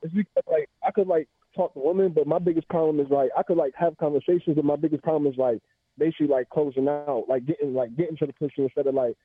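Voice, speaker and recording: A man in his twenties calling into a talk show over a bad phone connection that keeps breaking up, talking haltingly and filling his sentences with "like". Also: a little high, steady tone, husky, dry recording. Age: 20s. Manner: halting, fills with "like". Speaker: caller. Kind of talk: casual call-in chat. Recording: tinny broken-up phone line.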